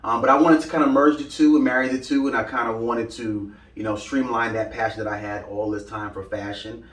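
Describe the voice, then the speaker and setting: A young man from Brooklyn, New York answers interview questions about his style brand, upbeat and rambling in loose run-on sentences full of "you know." His medium-pitched voice is steady, fairly bright and fairly quick, recorded in an echoey room with the mic at a distance.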